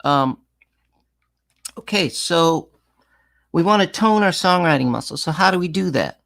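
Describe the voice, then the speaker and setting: A man's voice: a little high, expressive, measured pace, vocal fry, a bit bright. A man leading a songwriting masterclass, talking casually with many restarts and sudden sung examples. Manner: conversational, full of restarts, breaks into sung and acted examples. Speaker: songwriting teacher.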